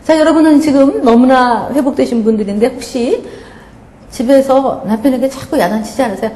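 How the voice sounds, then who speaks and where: A woman's voice: sits high, fairly quick. Woman preaching in an echoey hall. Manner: animated storytelling, acts out scolding voices. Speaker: pastor. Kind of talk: sermon. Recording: echoey hall, faint background noise.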